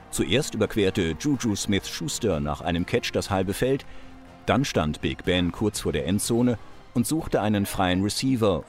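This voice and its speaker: A man giving scripted documentary narration in a measured, dramatic way, with dry studio sound. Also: fairly low pitch, a little mellow. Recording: dry close studio voice-over.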